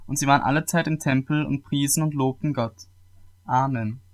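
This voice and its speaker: A man reading scripture aloud at a measured pace, with occasional small restarts. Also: mid-range voice, fairly even intonation.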